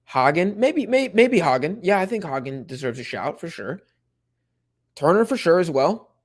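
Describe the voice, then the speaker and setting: Young male streamer, relaxed chatty host who perks up at big plays. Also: a little high, normal speed. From Mexico-supporting fan. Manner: laid-back, chatty, bursts of excitement at plays. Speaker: watch-along host. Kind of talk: casual live commentary and chat reading.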